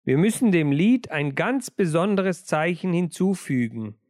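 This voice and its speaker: A man voicing a fat, pompous male mouse in a storybook reading, speaking slowly and solemnly. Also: a little high, big pitch swings, darkish tone, no echo, clean studio sound.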